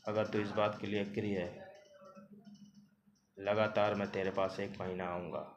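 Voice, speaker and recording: A man's voice: lowish voice, little pitch movement, measured pace, muffled recording. A man doing a cruel, threatening village landlord. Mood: menacing. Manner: loud, demanding, threatening. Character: cruel older male village landlord and moneylender. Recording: roomy echo, faint background noise.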